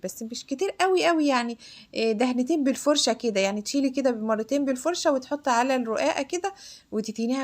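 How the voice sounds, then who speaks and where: Fast-talking Egyptian woman cooking at home. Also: on the high side. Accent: Egyptian Arabic. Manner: chatty, addresses viewers directly. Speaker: cooking show host. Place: home kitchen.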